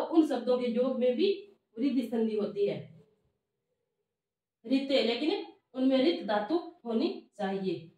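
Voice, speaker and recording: A woman teaching a grammar lesson, speaking slowly and repeating each term as if dictating to students. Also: high voice, a little mellow. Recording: echoey room, voice from far off.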